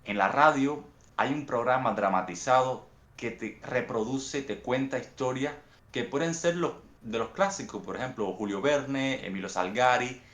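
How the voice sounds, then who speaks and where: A young Cuban man with a Cuban accent, answering interview questions in a thoughtful, unhurried storytelling way, often restarting his phrases. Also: mid-range voice, a bit bright, roomy sound. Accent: Cuban Spanish. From Cuba. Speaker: guest author.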